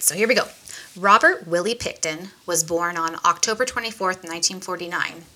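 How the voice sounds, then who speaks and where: A woman's voice: on the low side, sharp tone. A woman co-hosting a true-crime podcast, reading from notes in a chatty way with casual asides. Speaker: podcast co-host.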